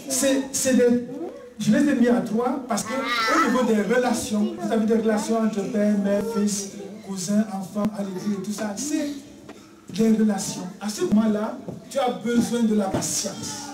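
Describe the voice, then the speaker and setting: A preacher giving a sermon, addressing listeners as beloved and laying out points one by one, often dropping soft and quiet on key words. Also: medium pitch. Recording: echoey room, voice heard from a distance.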